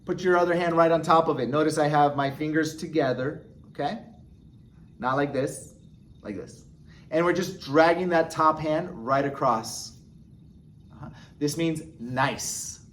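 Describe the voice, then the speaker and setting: A man's voice: fairly high pitch, measured pace, fairly bright tone. A man teaching a beginner sign language lesson in a casual, encouraging way, often checking in with the viewer. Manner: encouraging, chatty, frequent "okay?" and "right?" checks. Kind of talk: casual instructional explanation.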